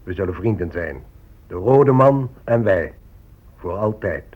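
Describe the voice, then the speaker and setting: In a radio drama, a male actor with a deep, husky voice plays a greedy, impatient settler negotiator, insistent and animated yet unhurried. The mood is solemn and official, and the recording is muffled and narrow-band like old radio.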